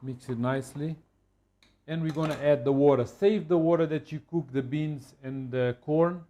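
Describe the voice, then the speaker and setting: Relaxed man talking through a recipe. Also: a little high, a little hiss or hum. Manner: relaxed, halting, with many fillers. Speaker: home cook. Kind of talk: casual cooking demonstration.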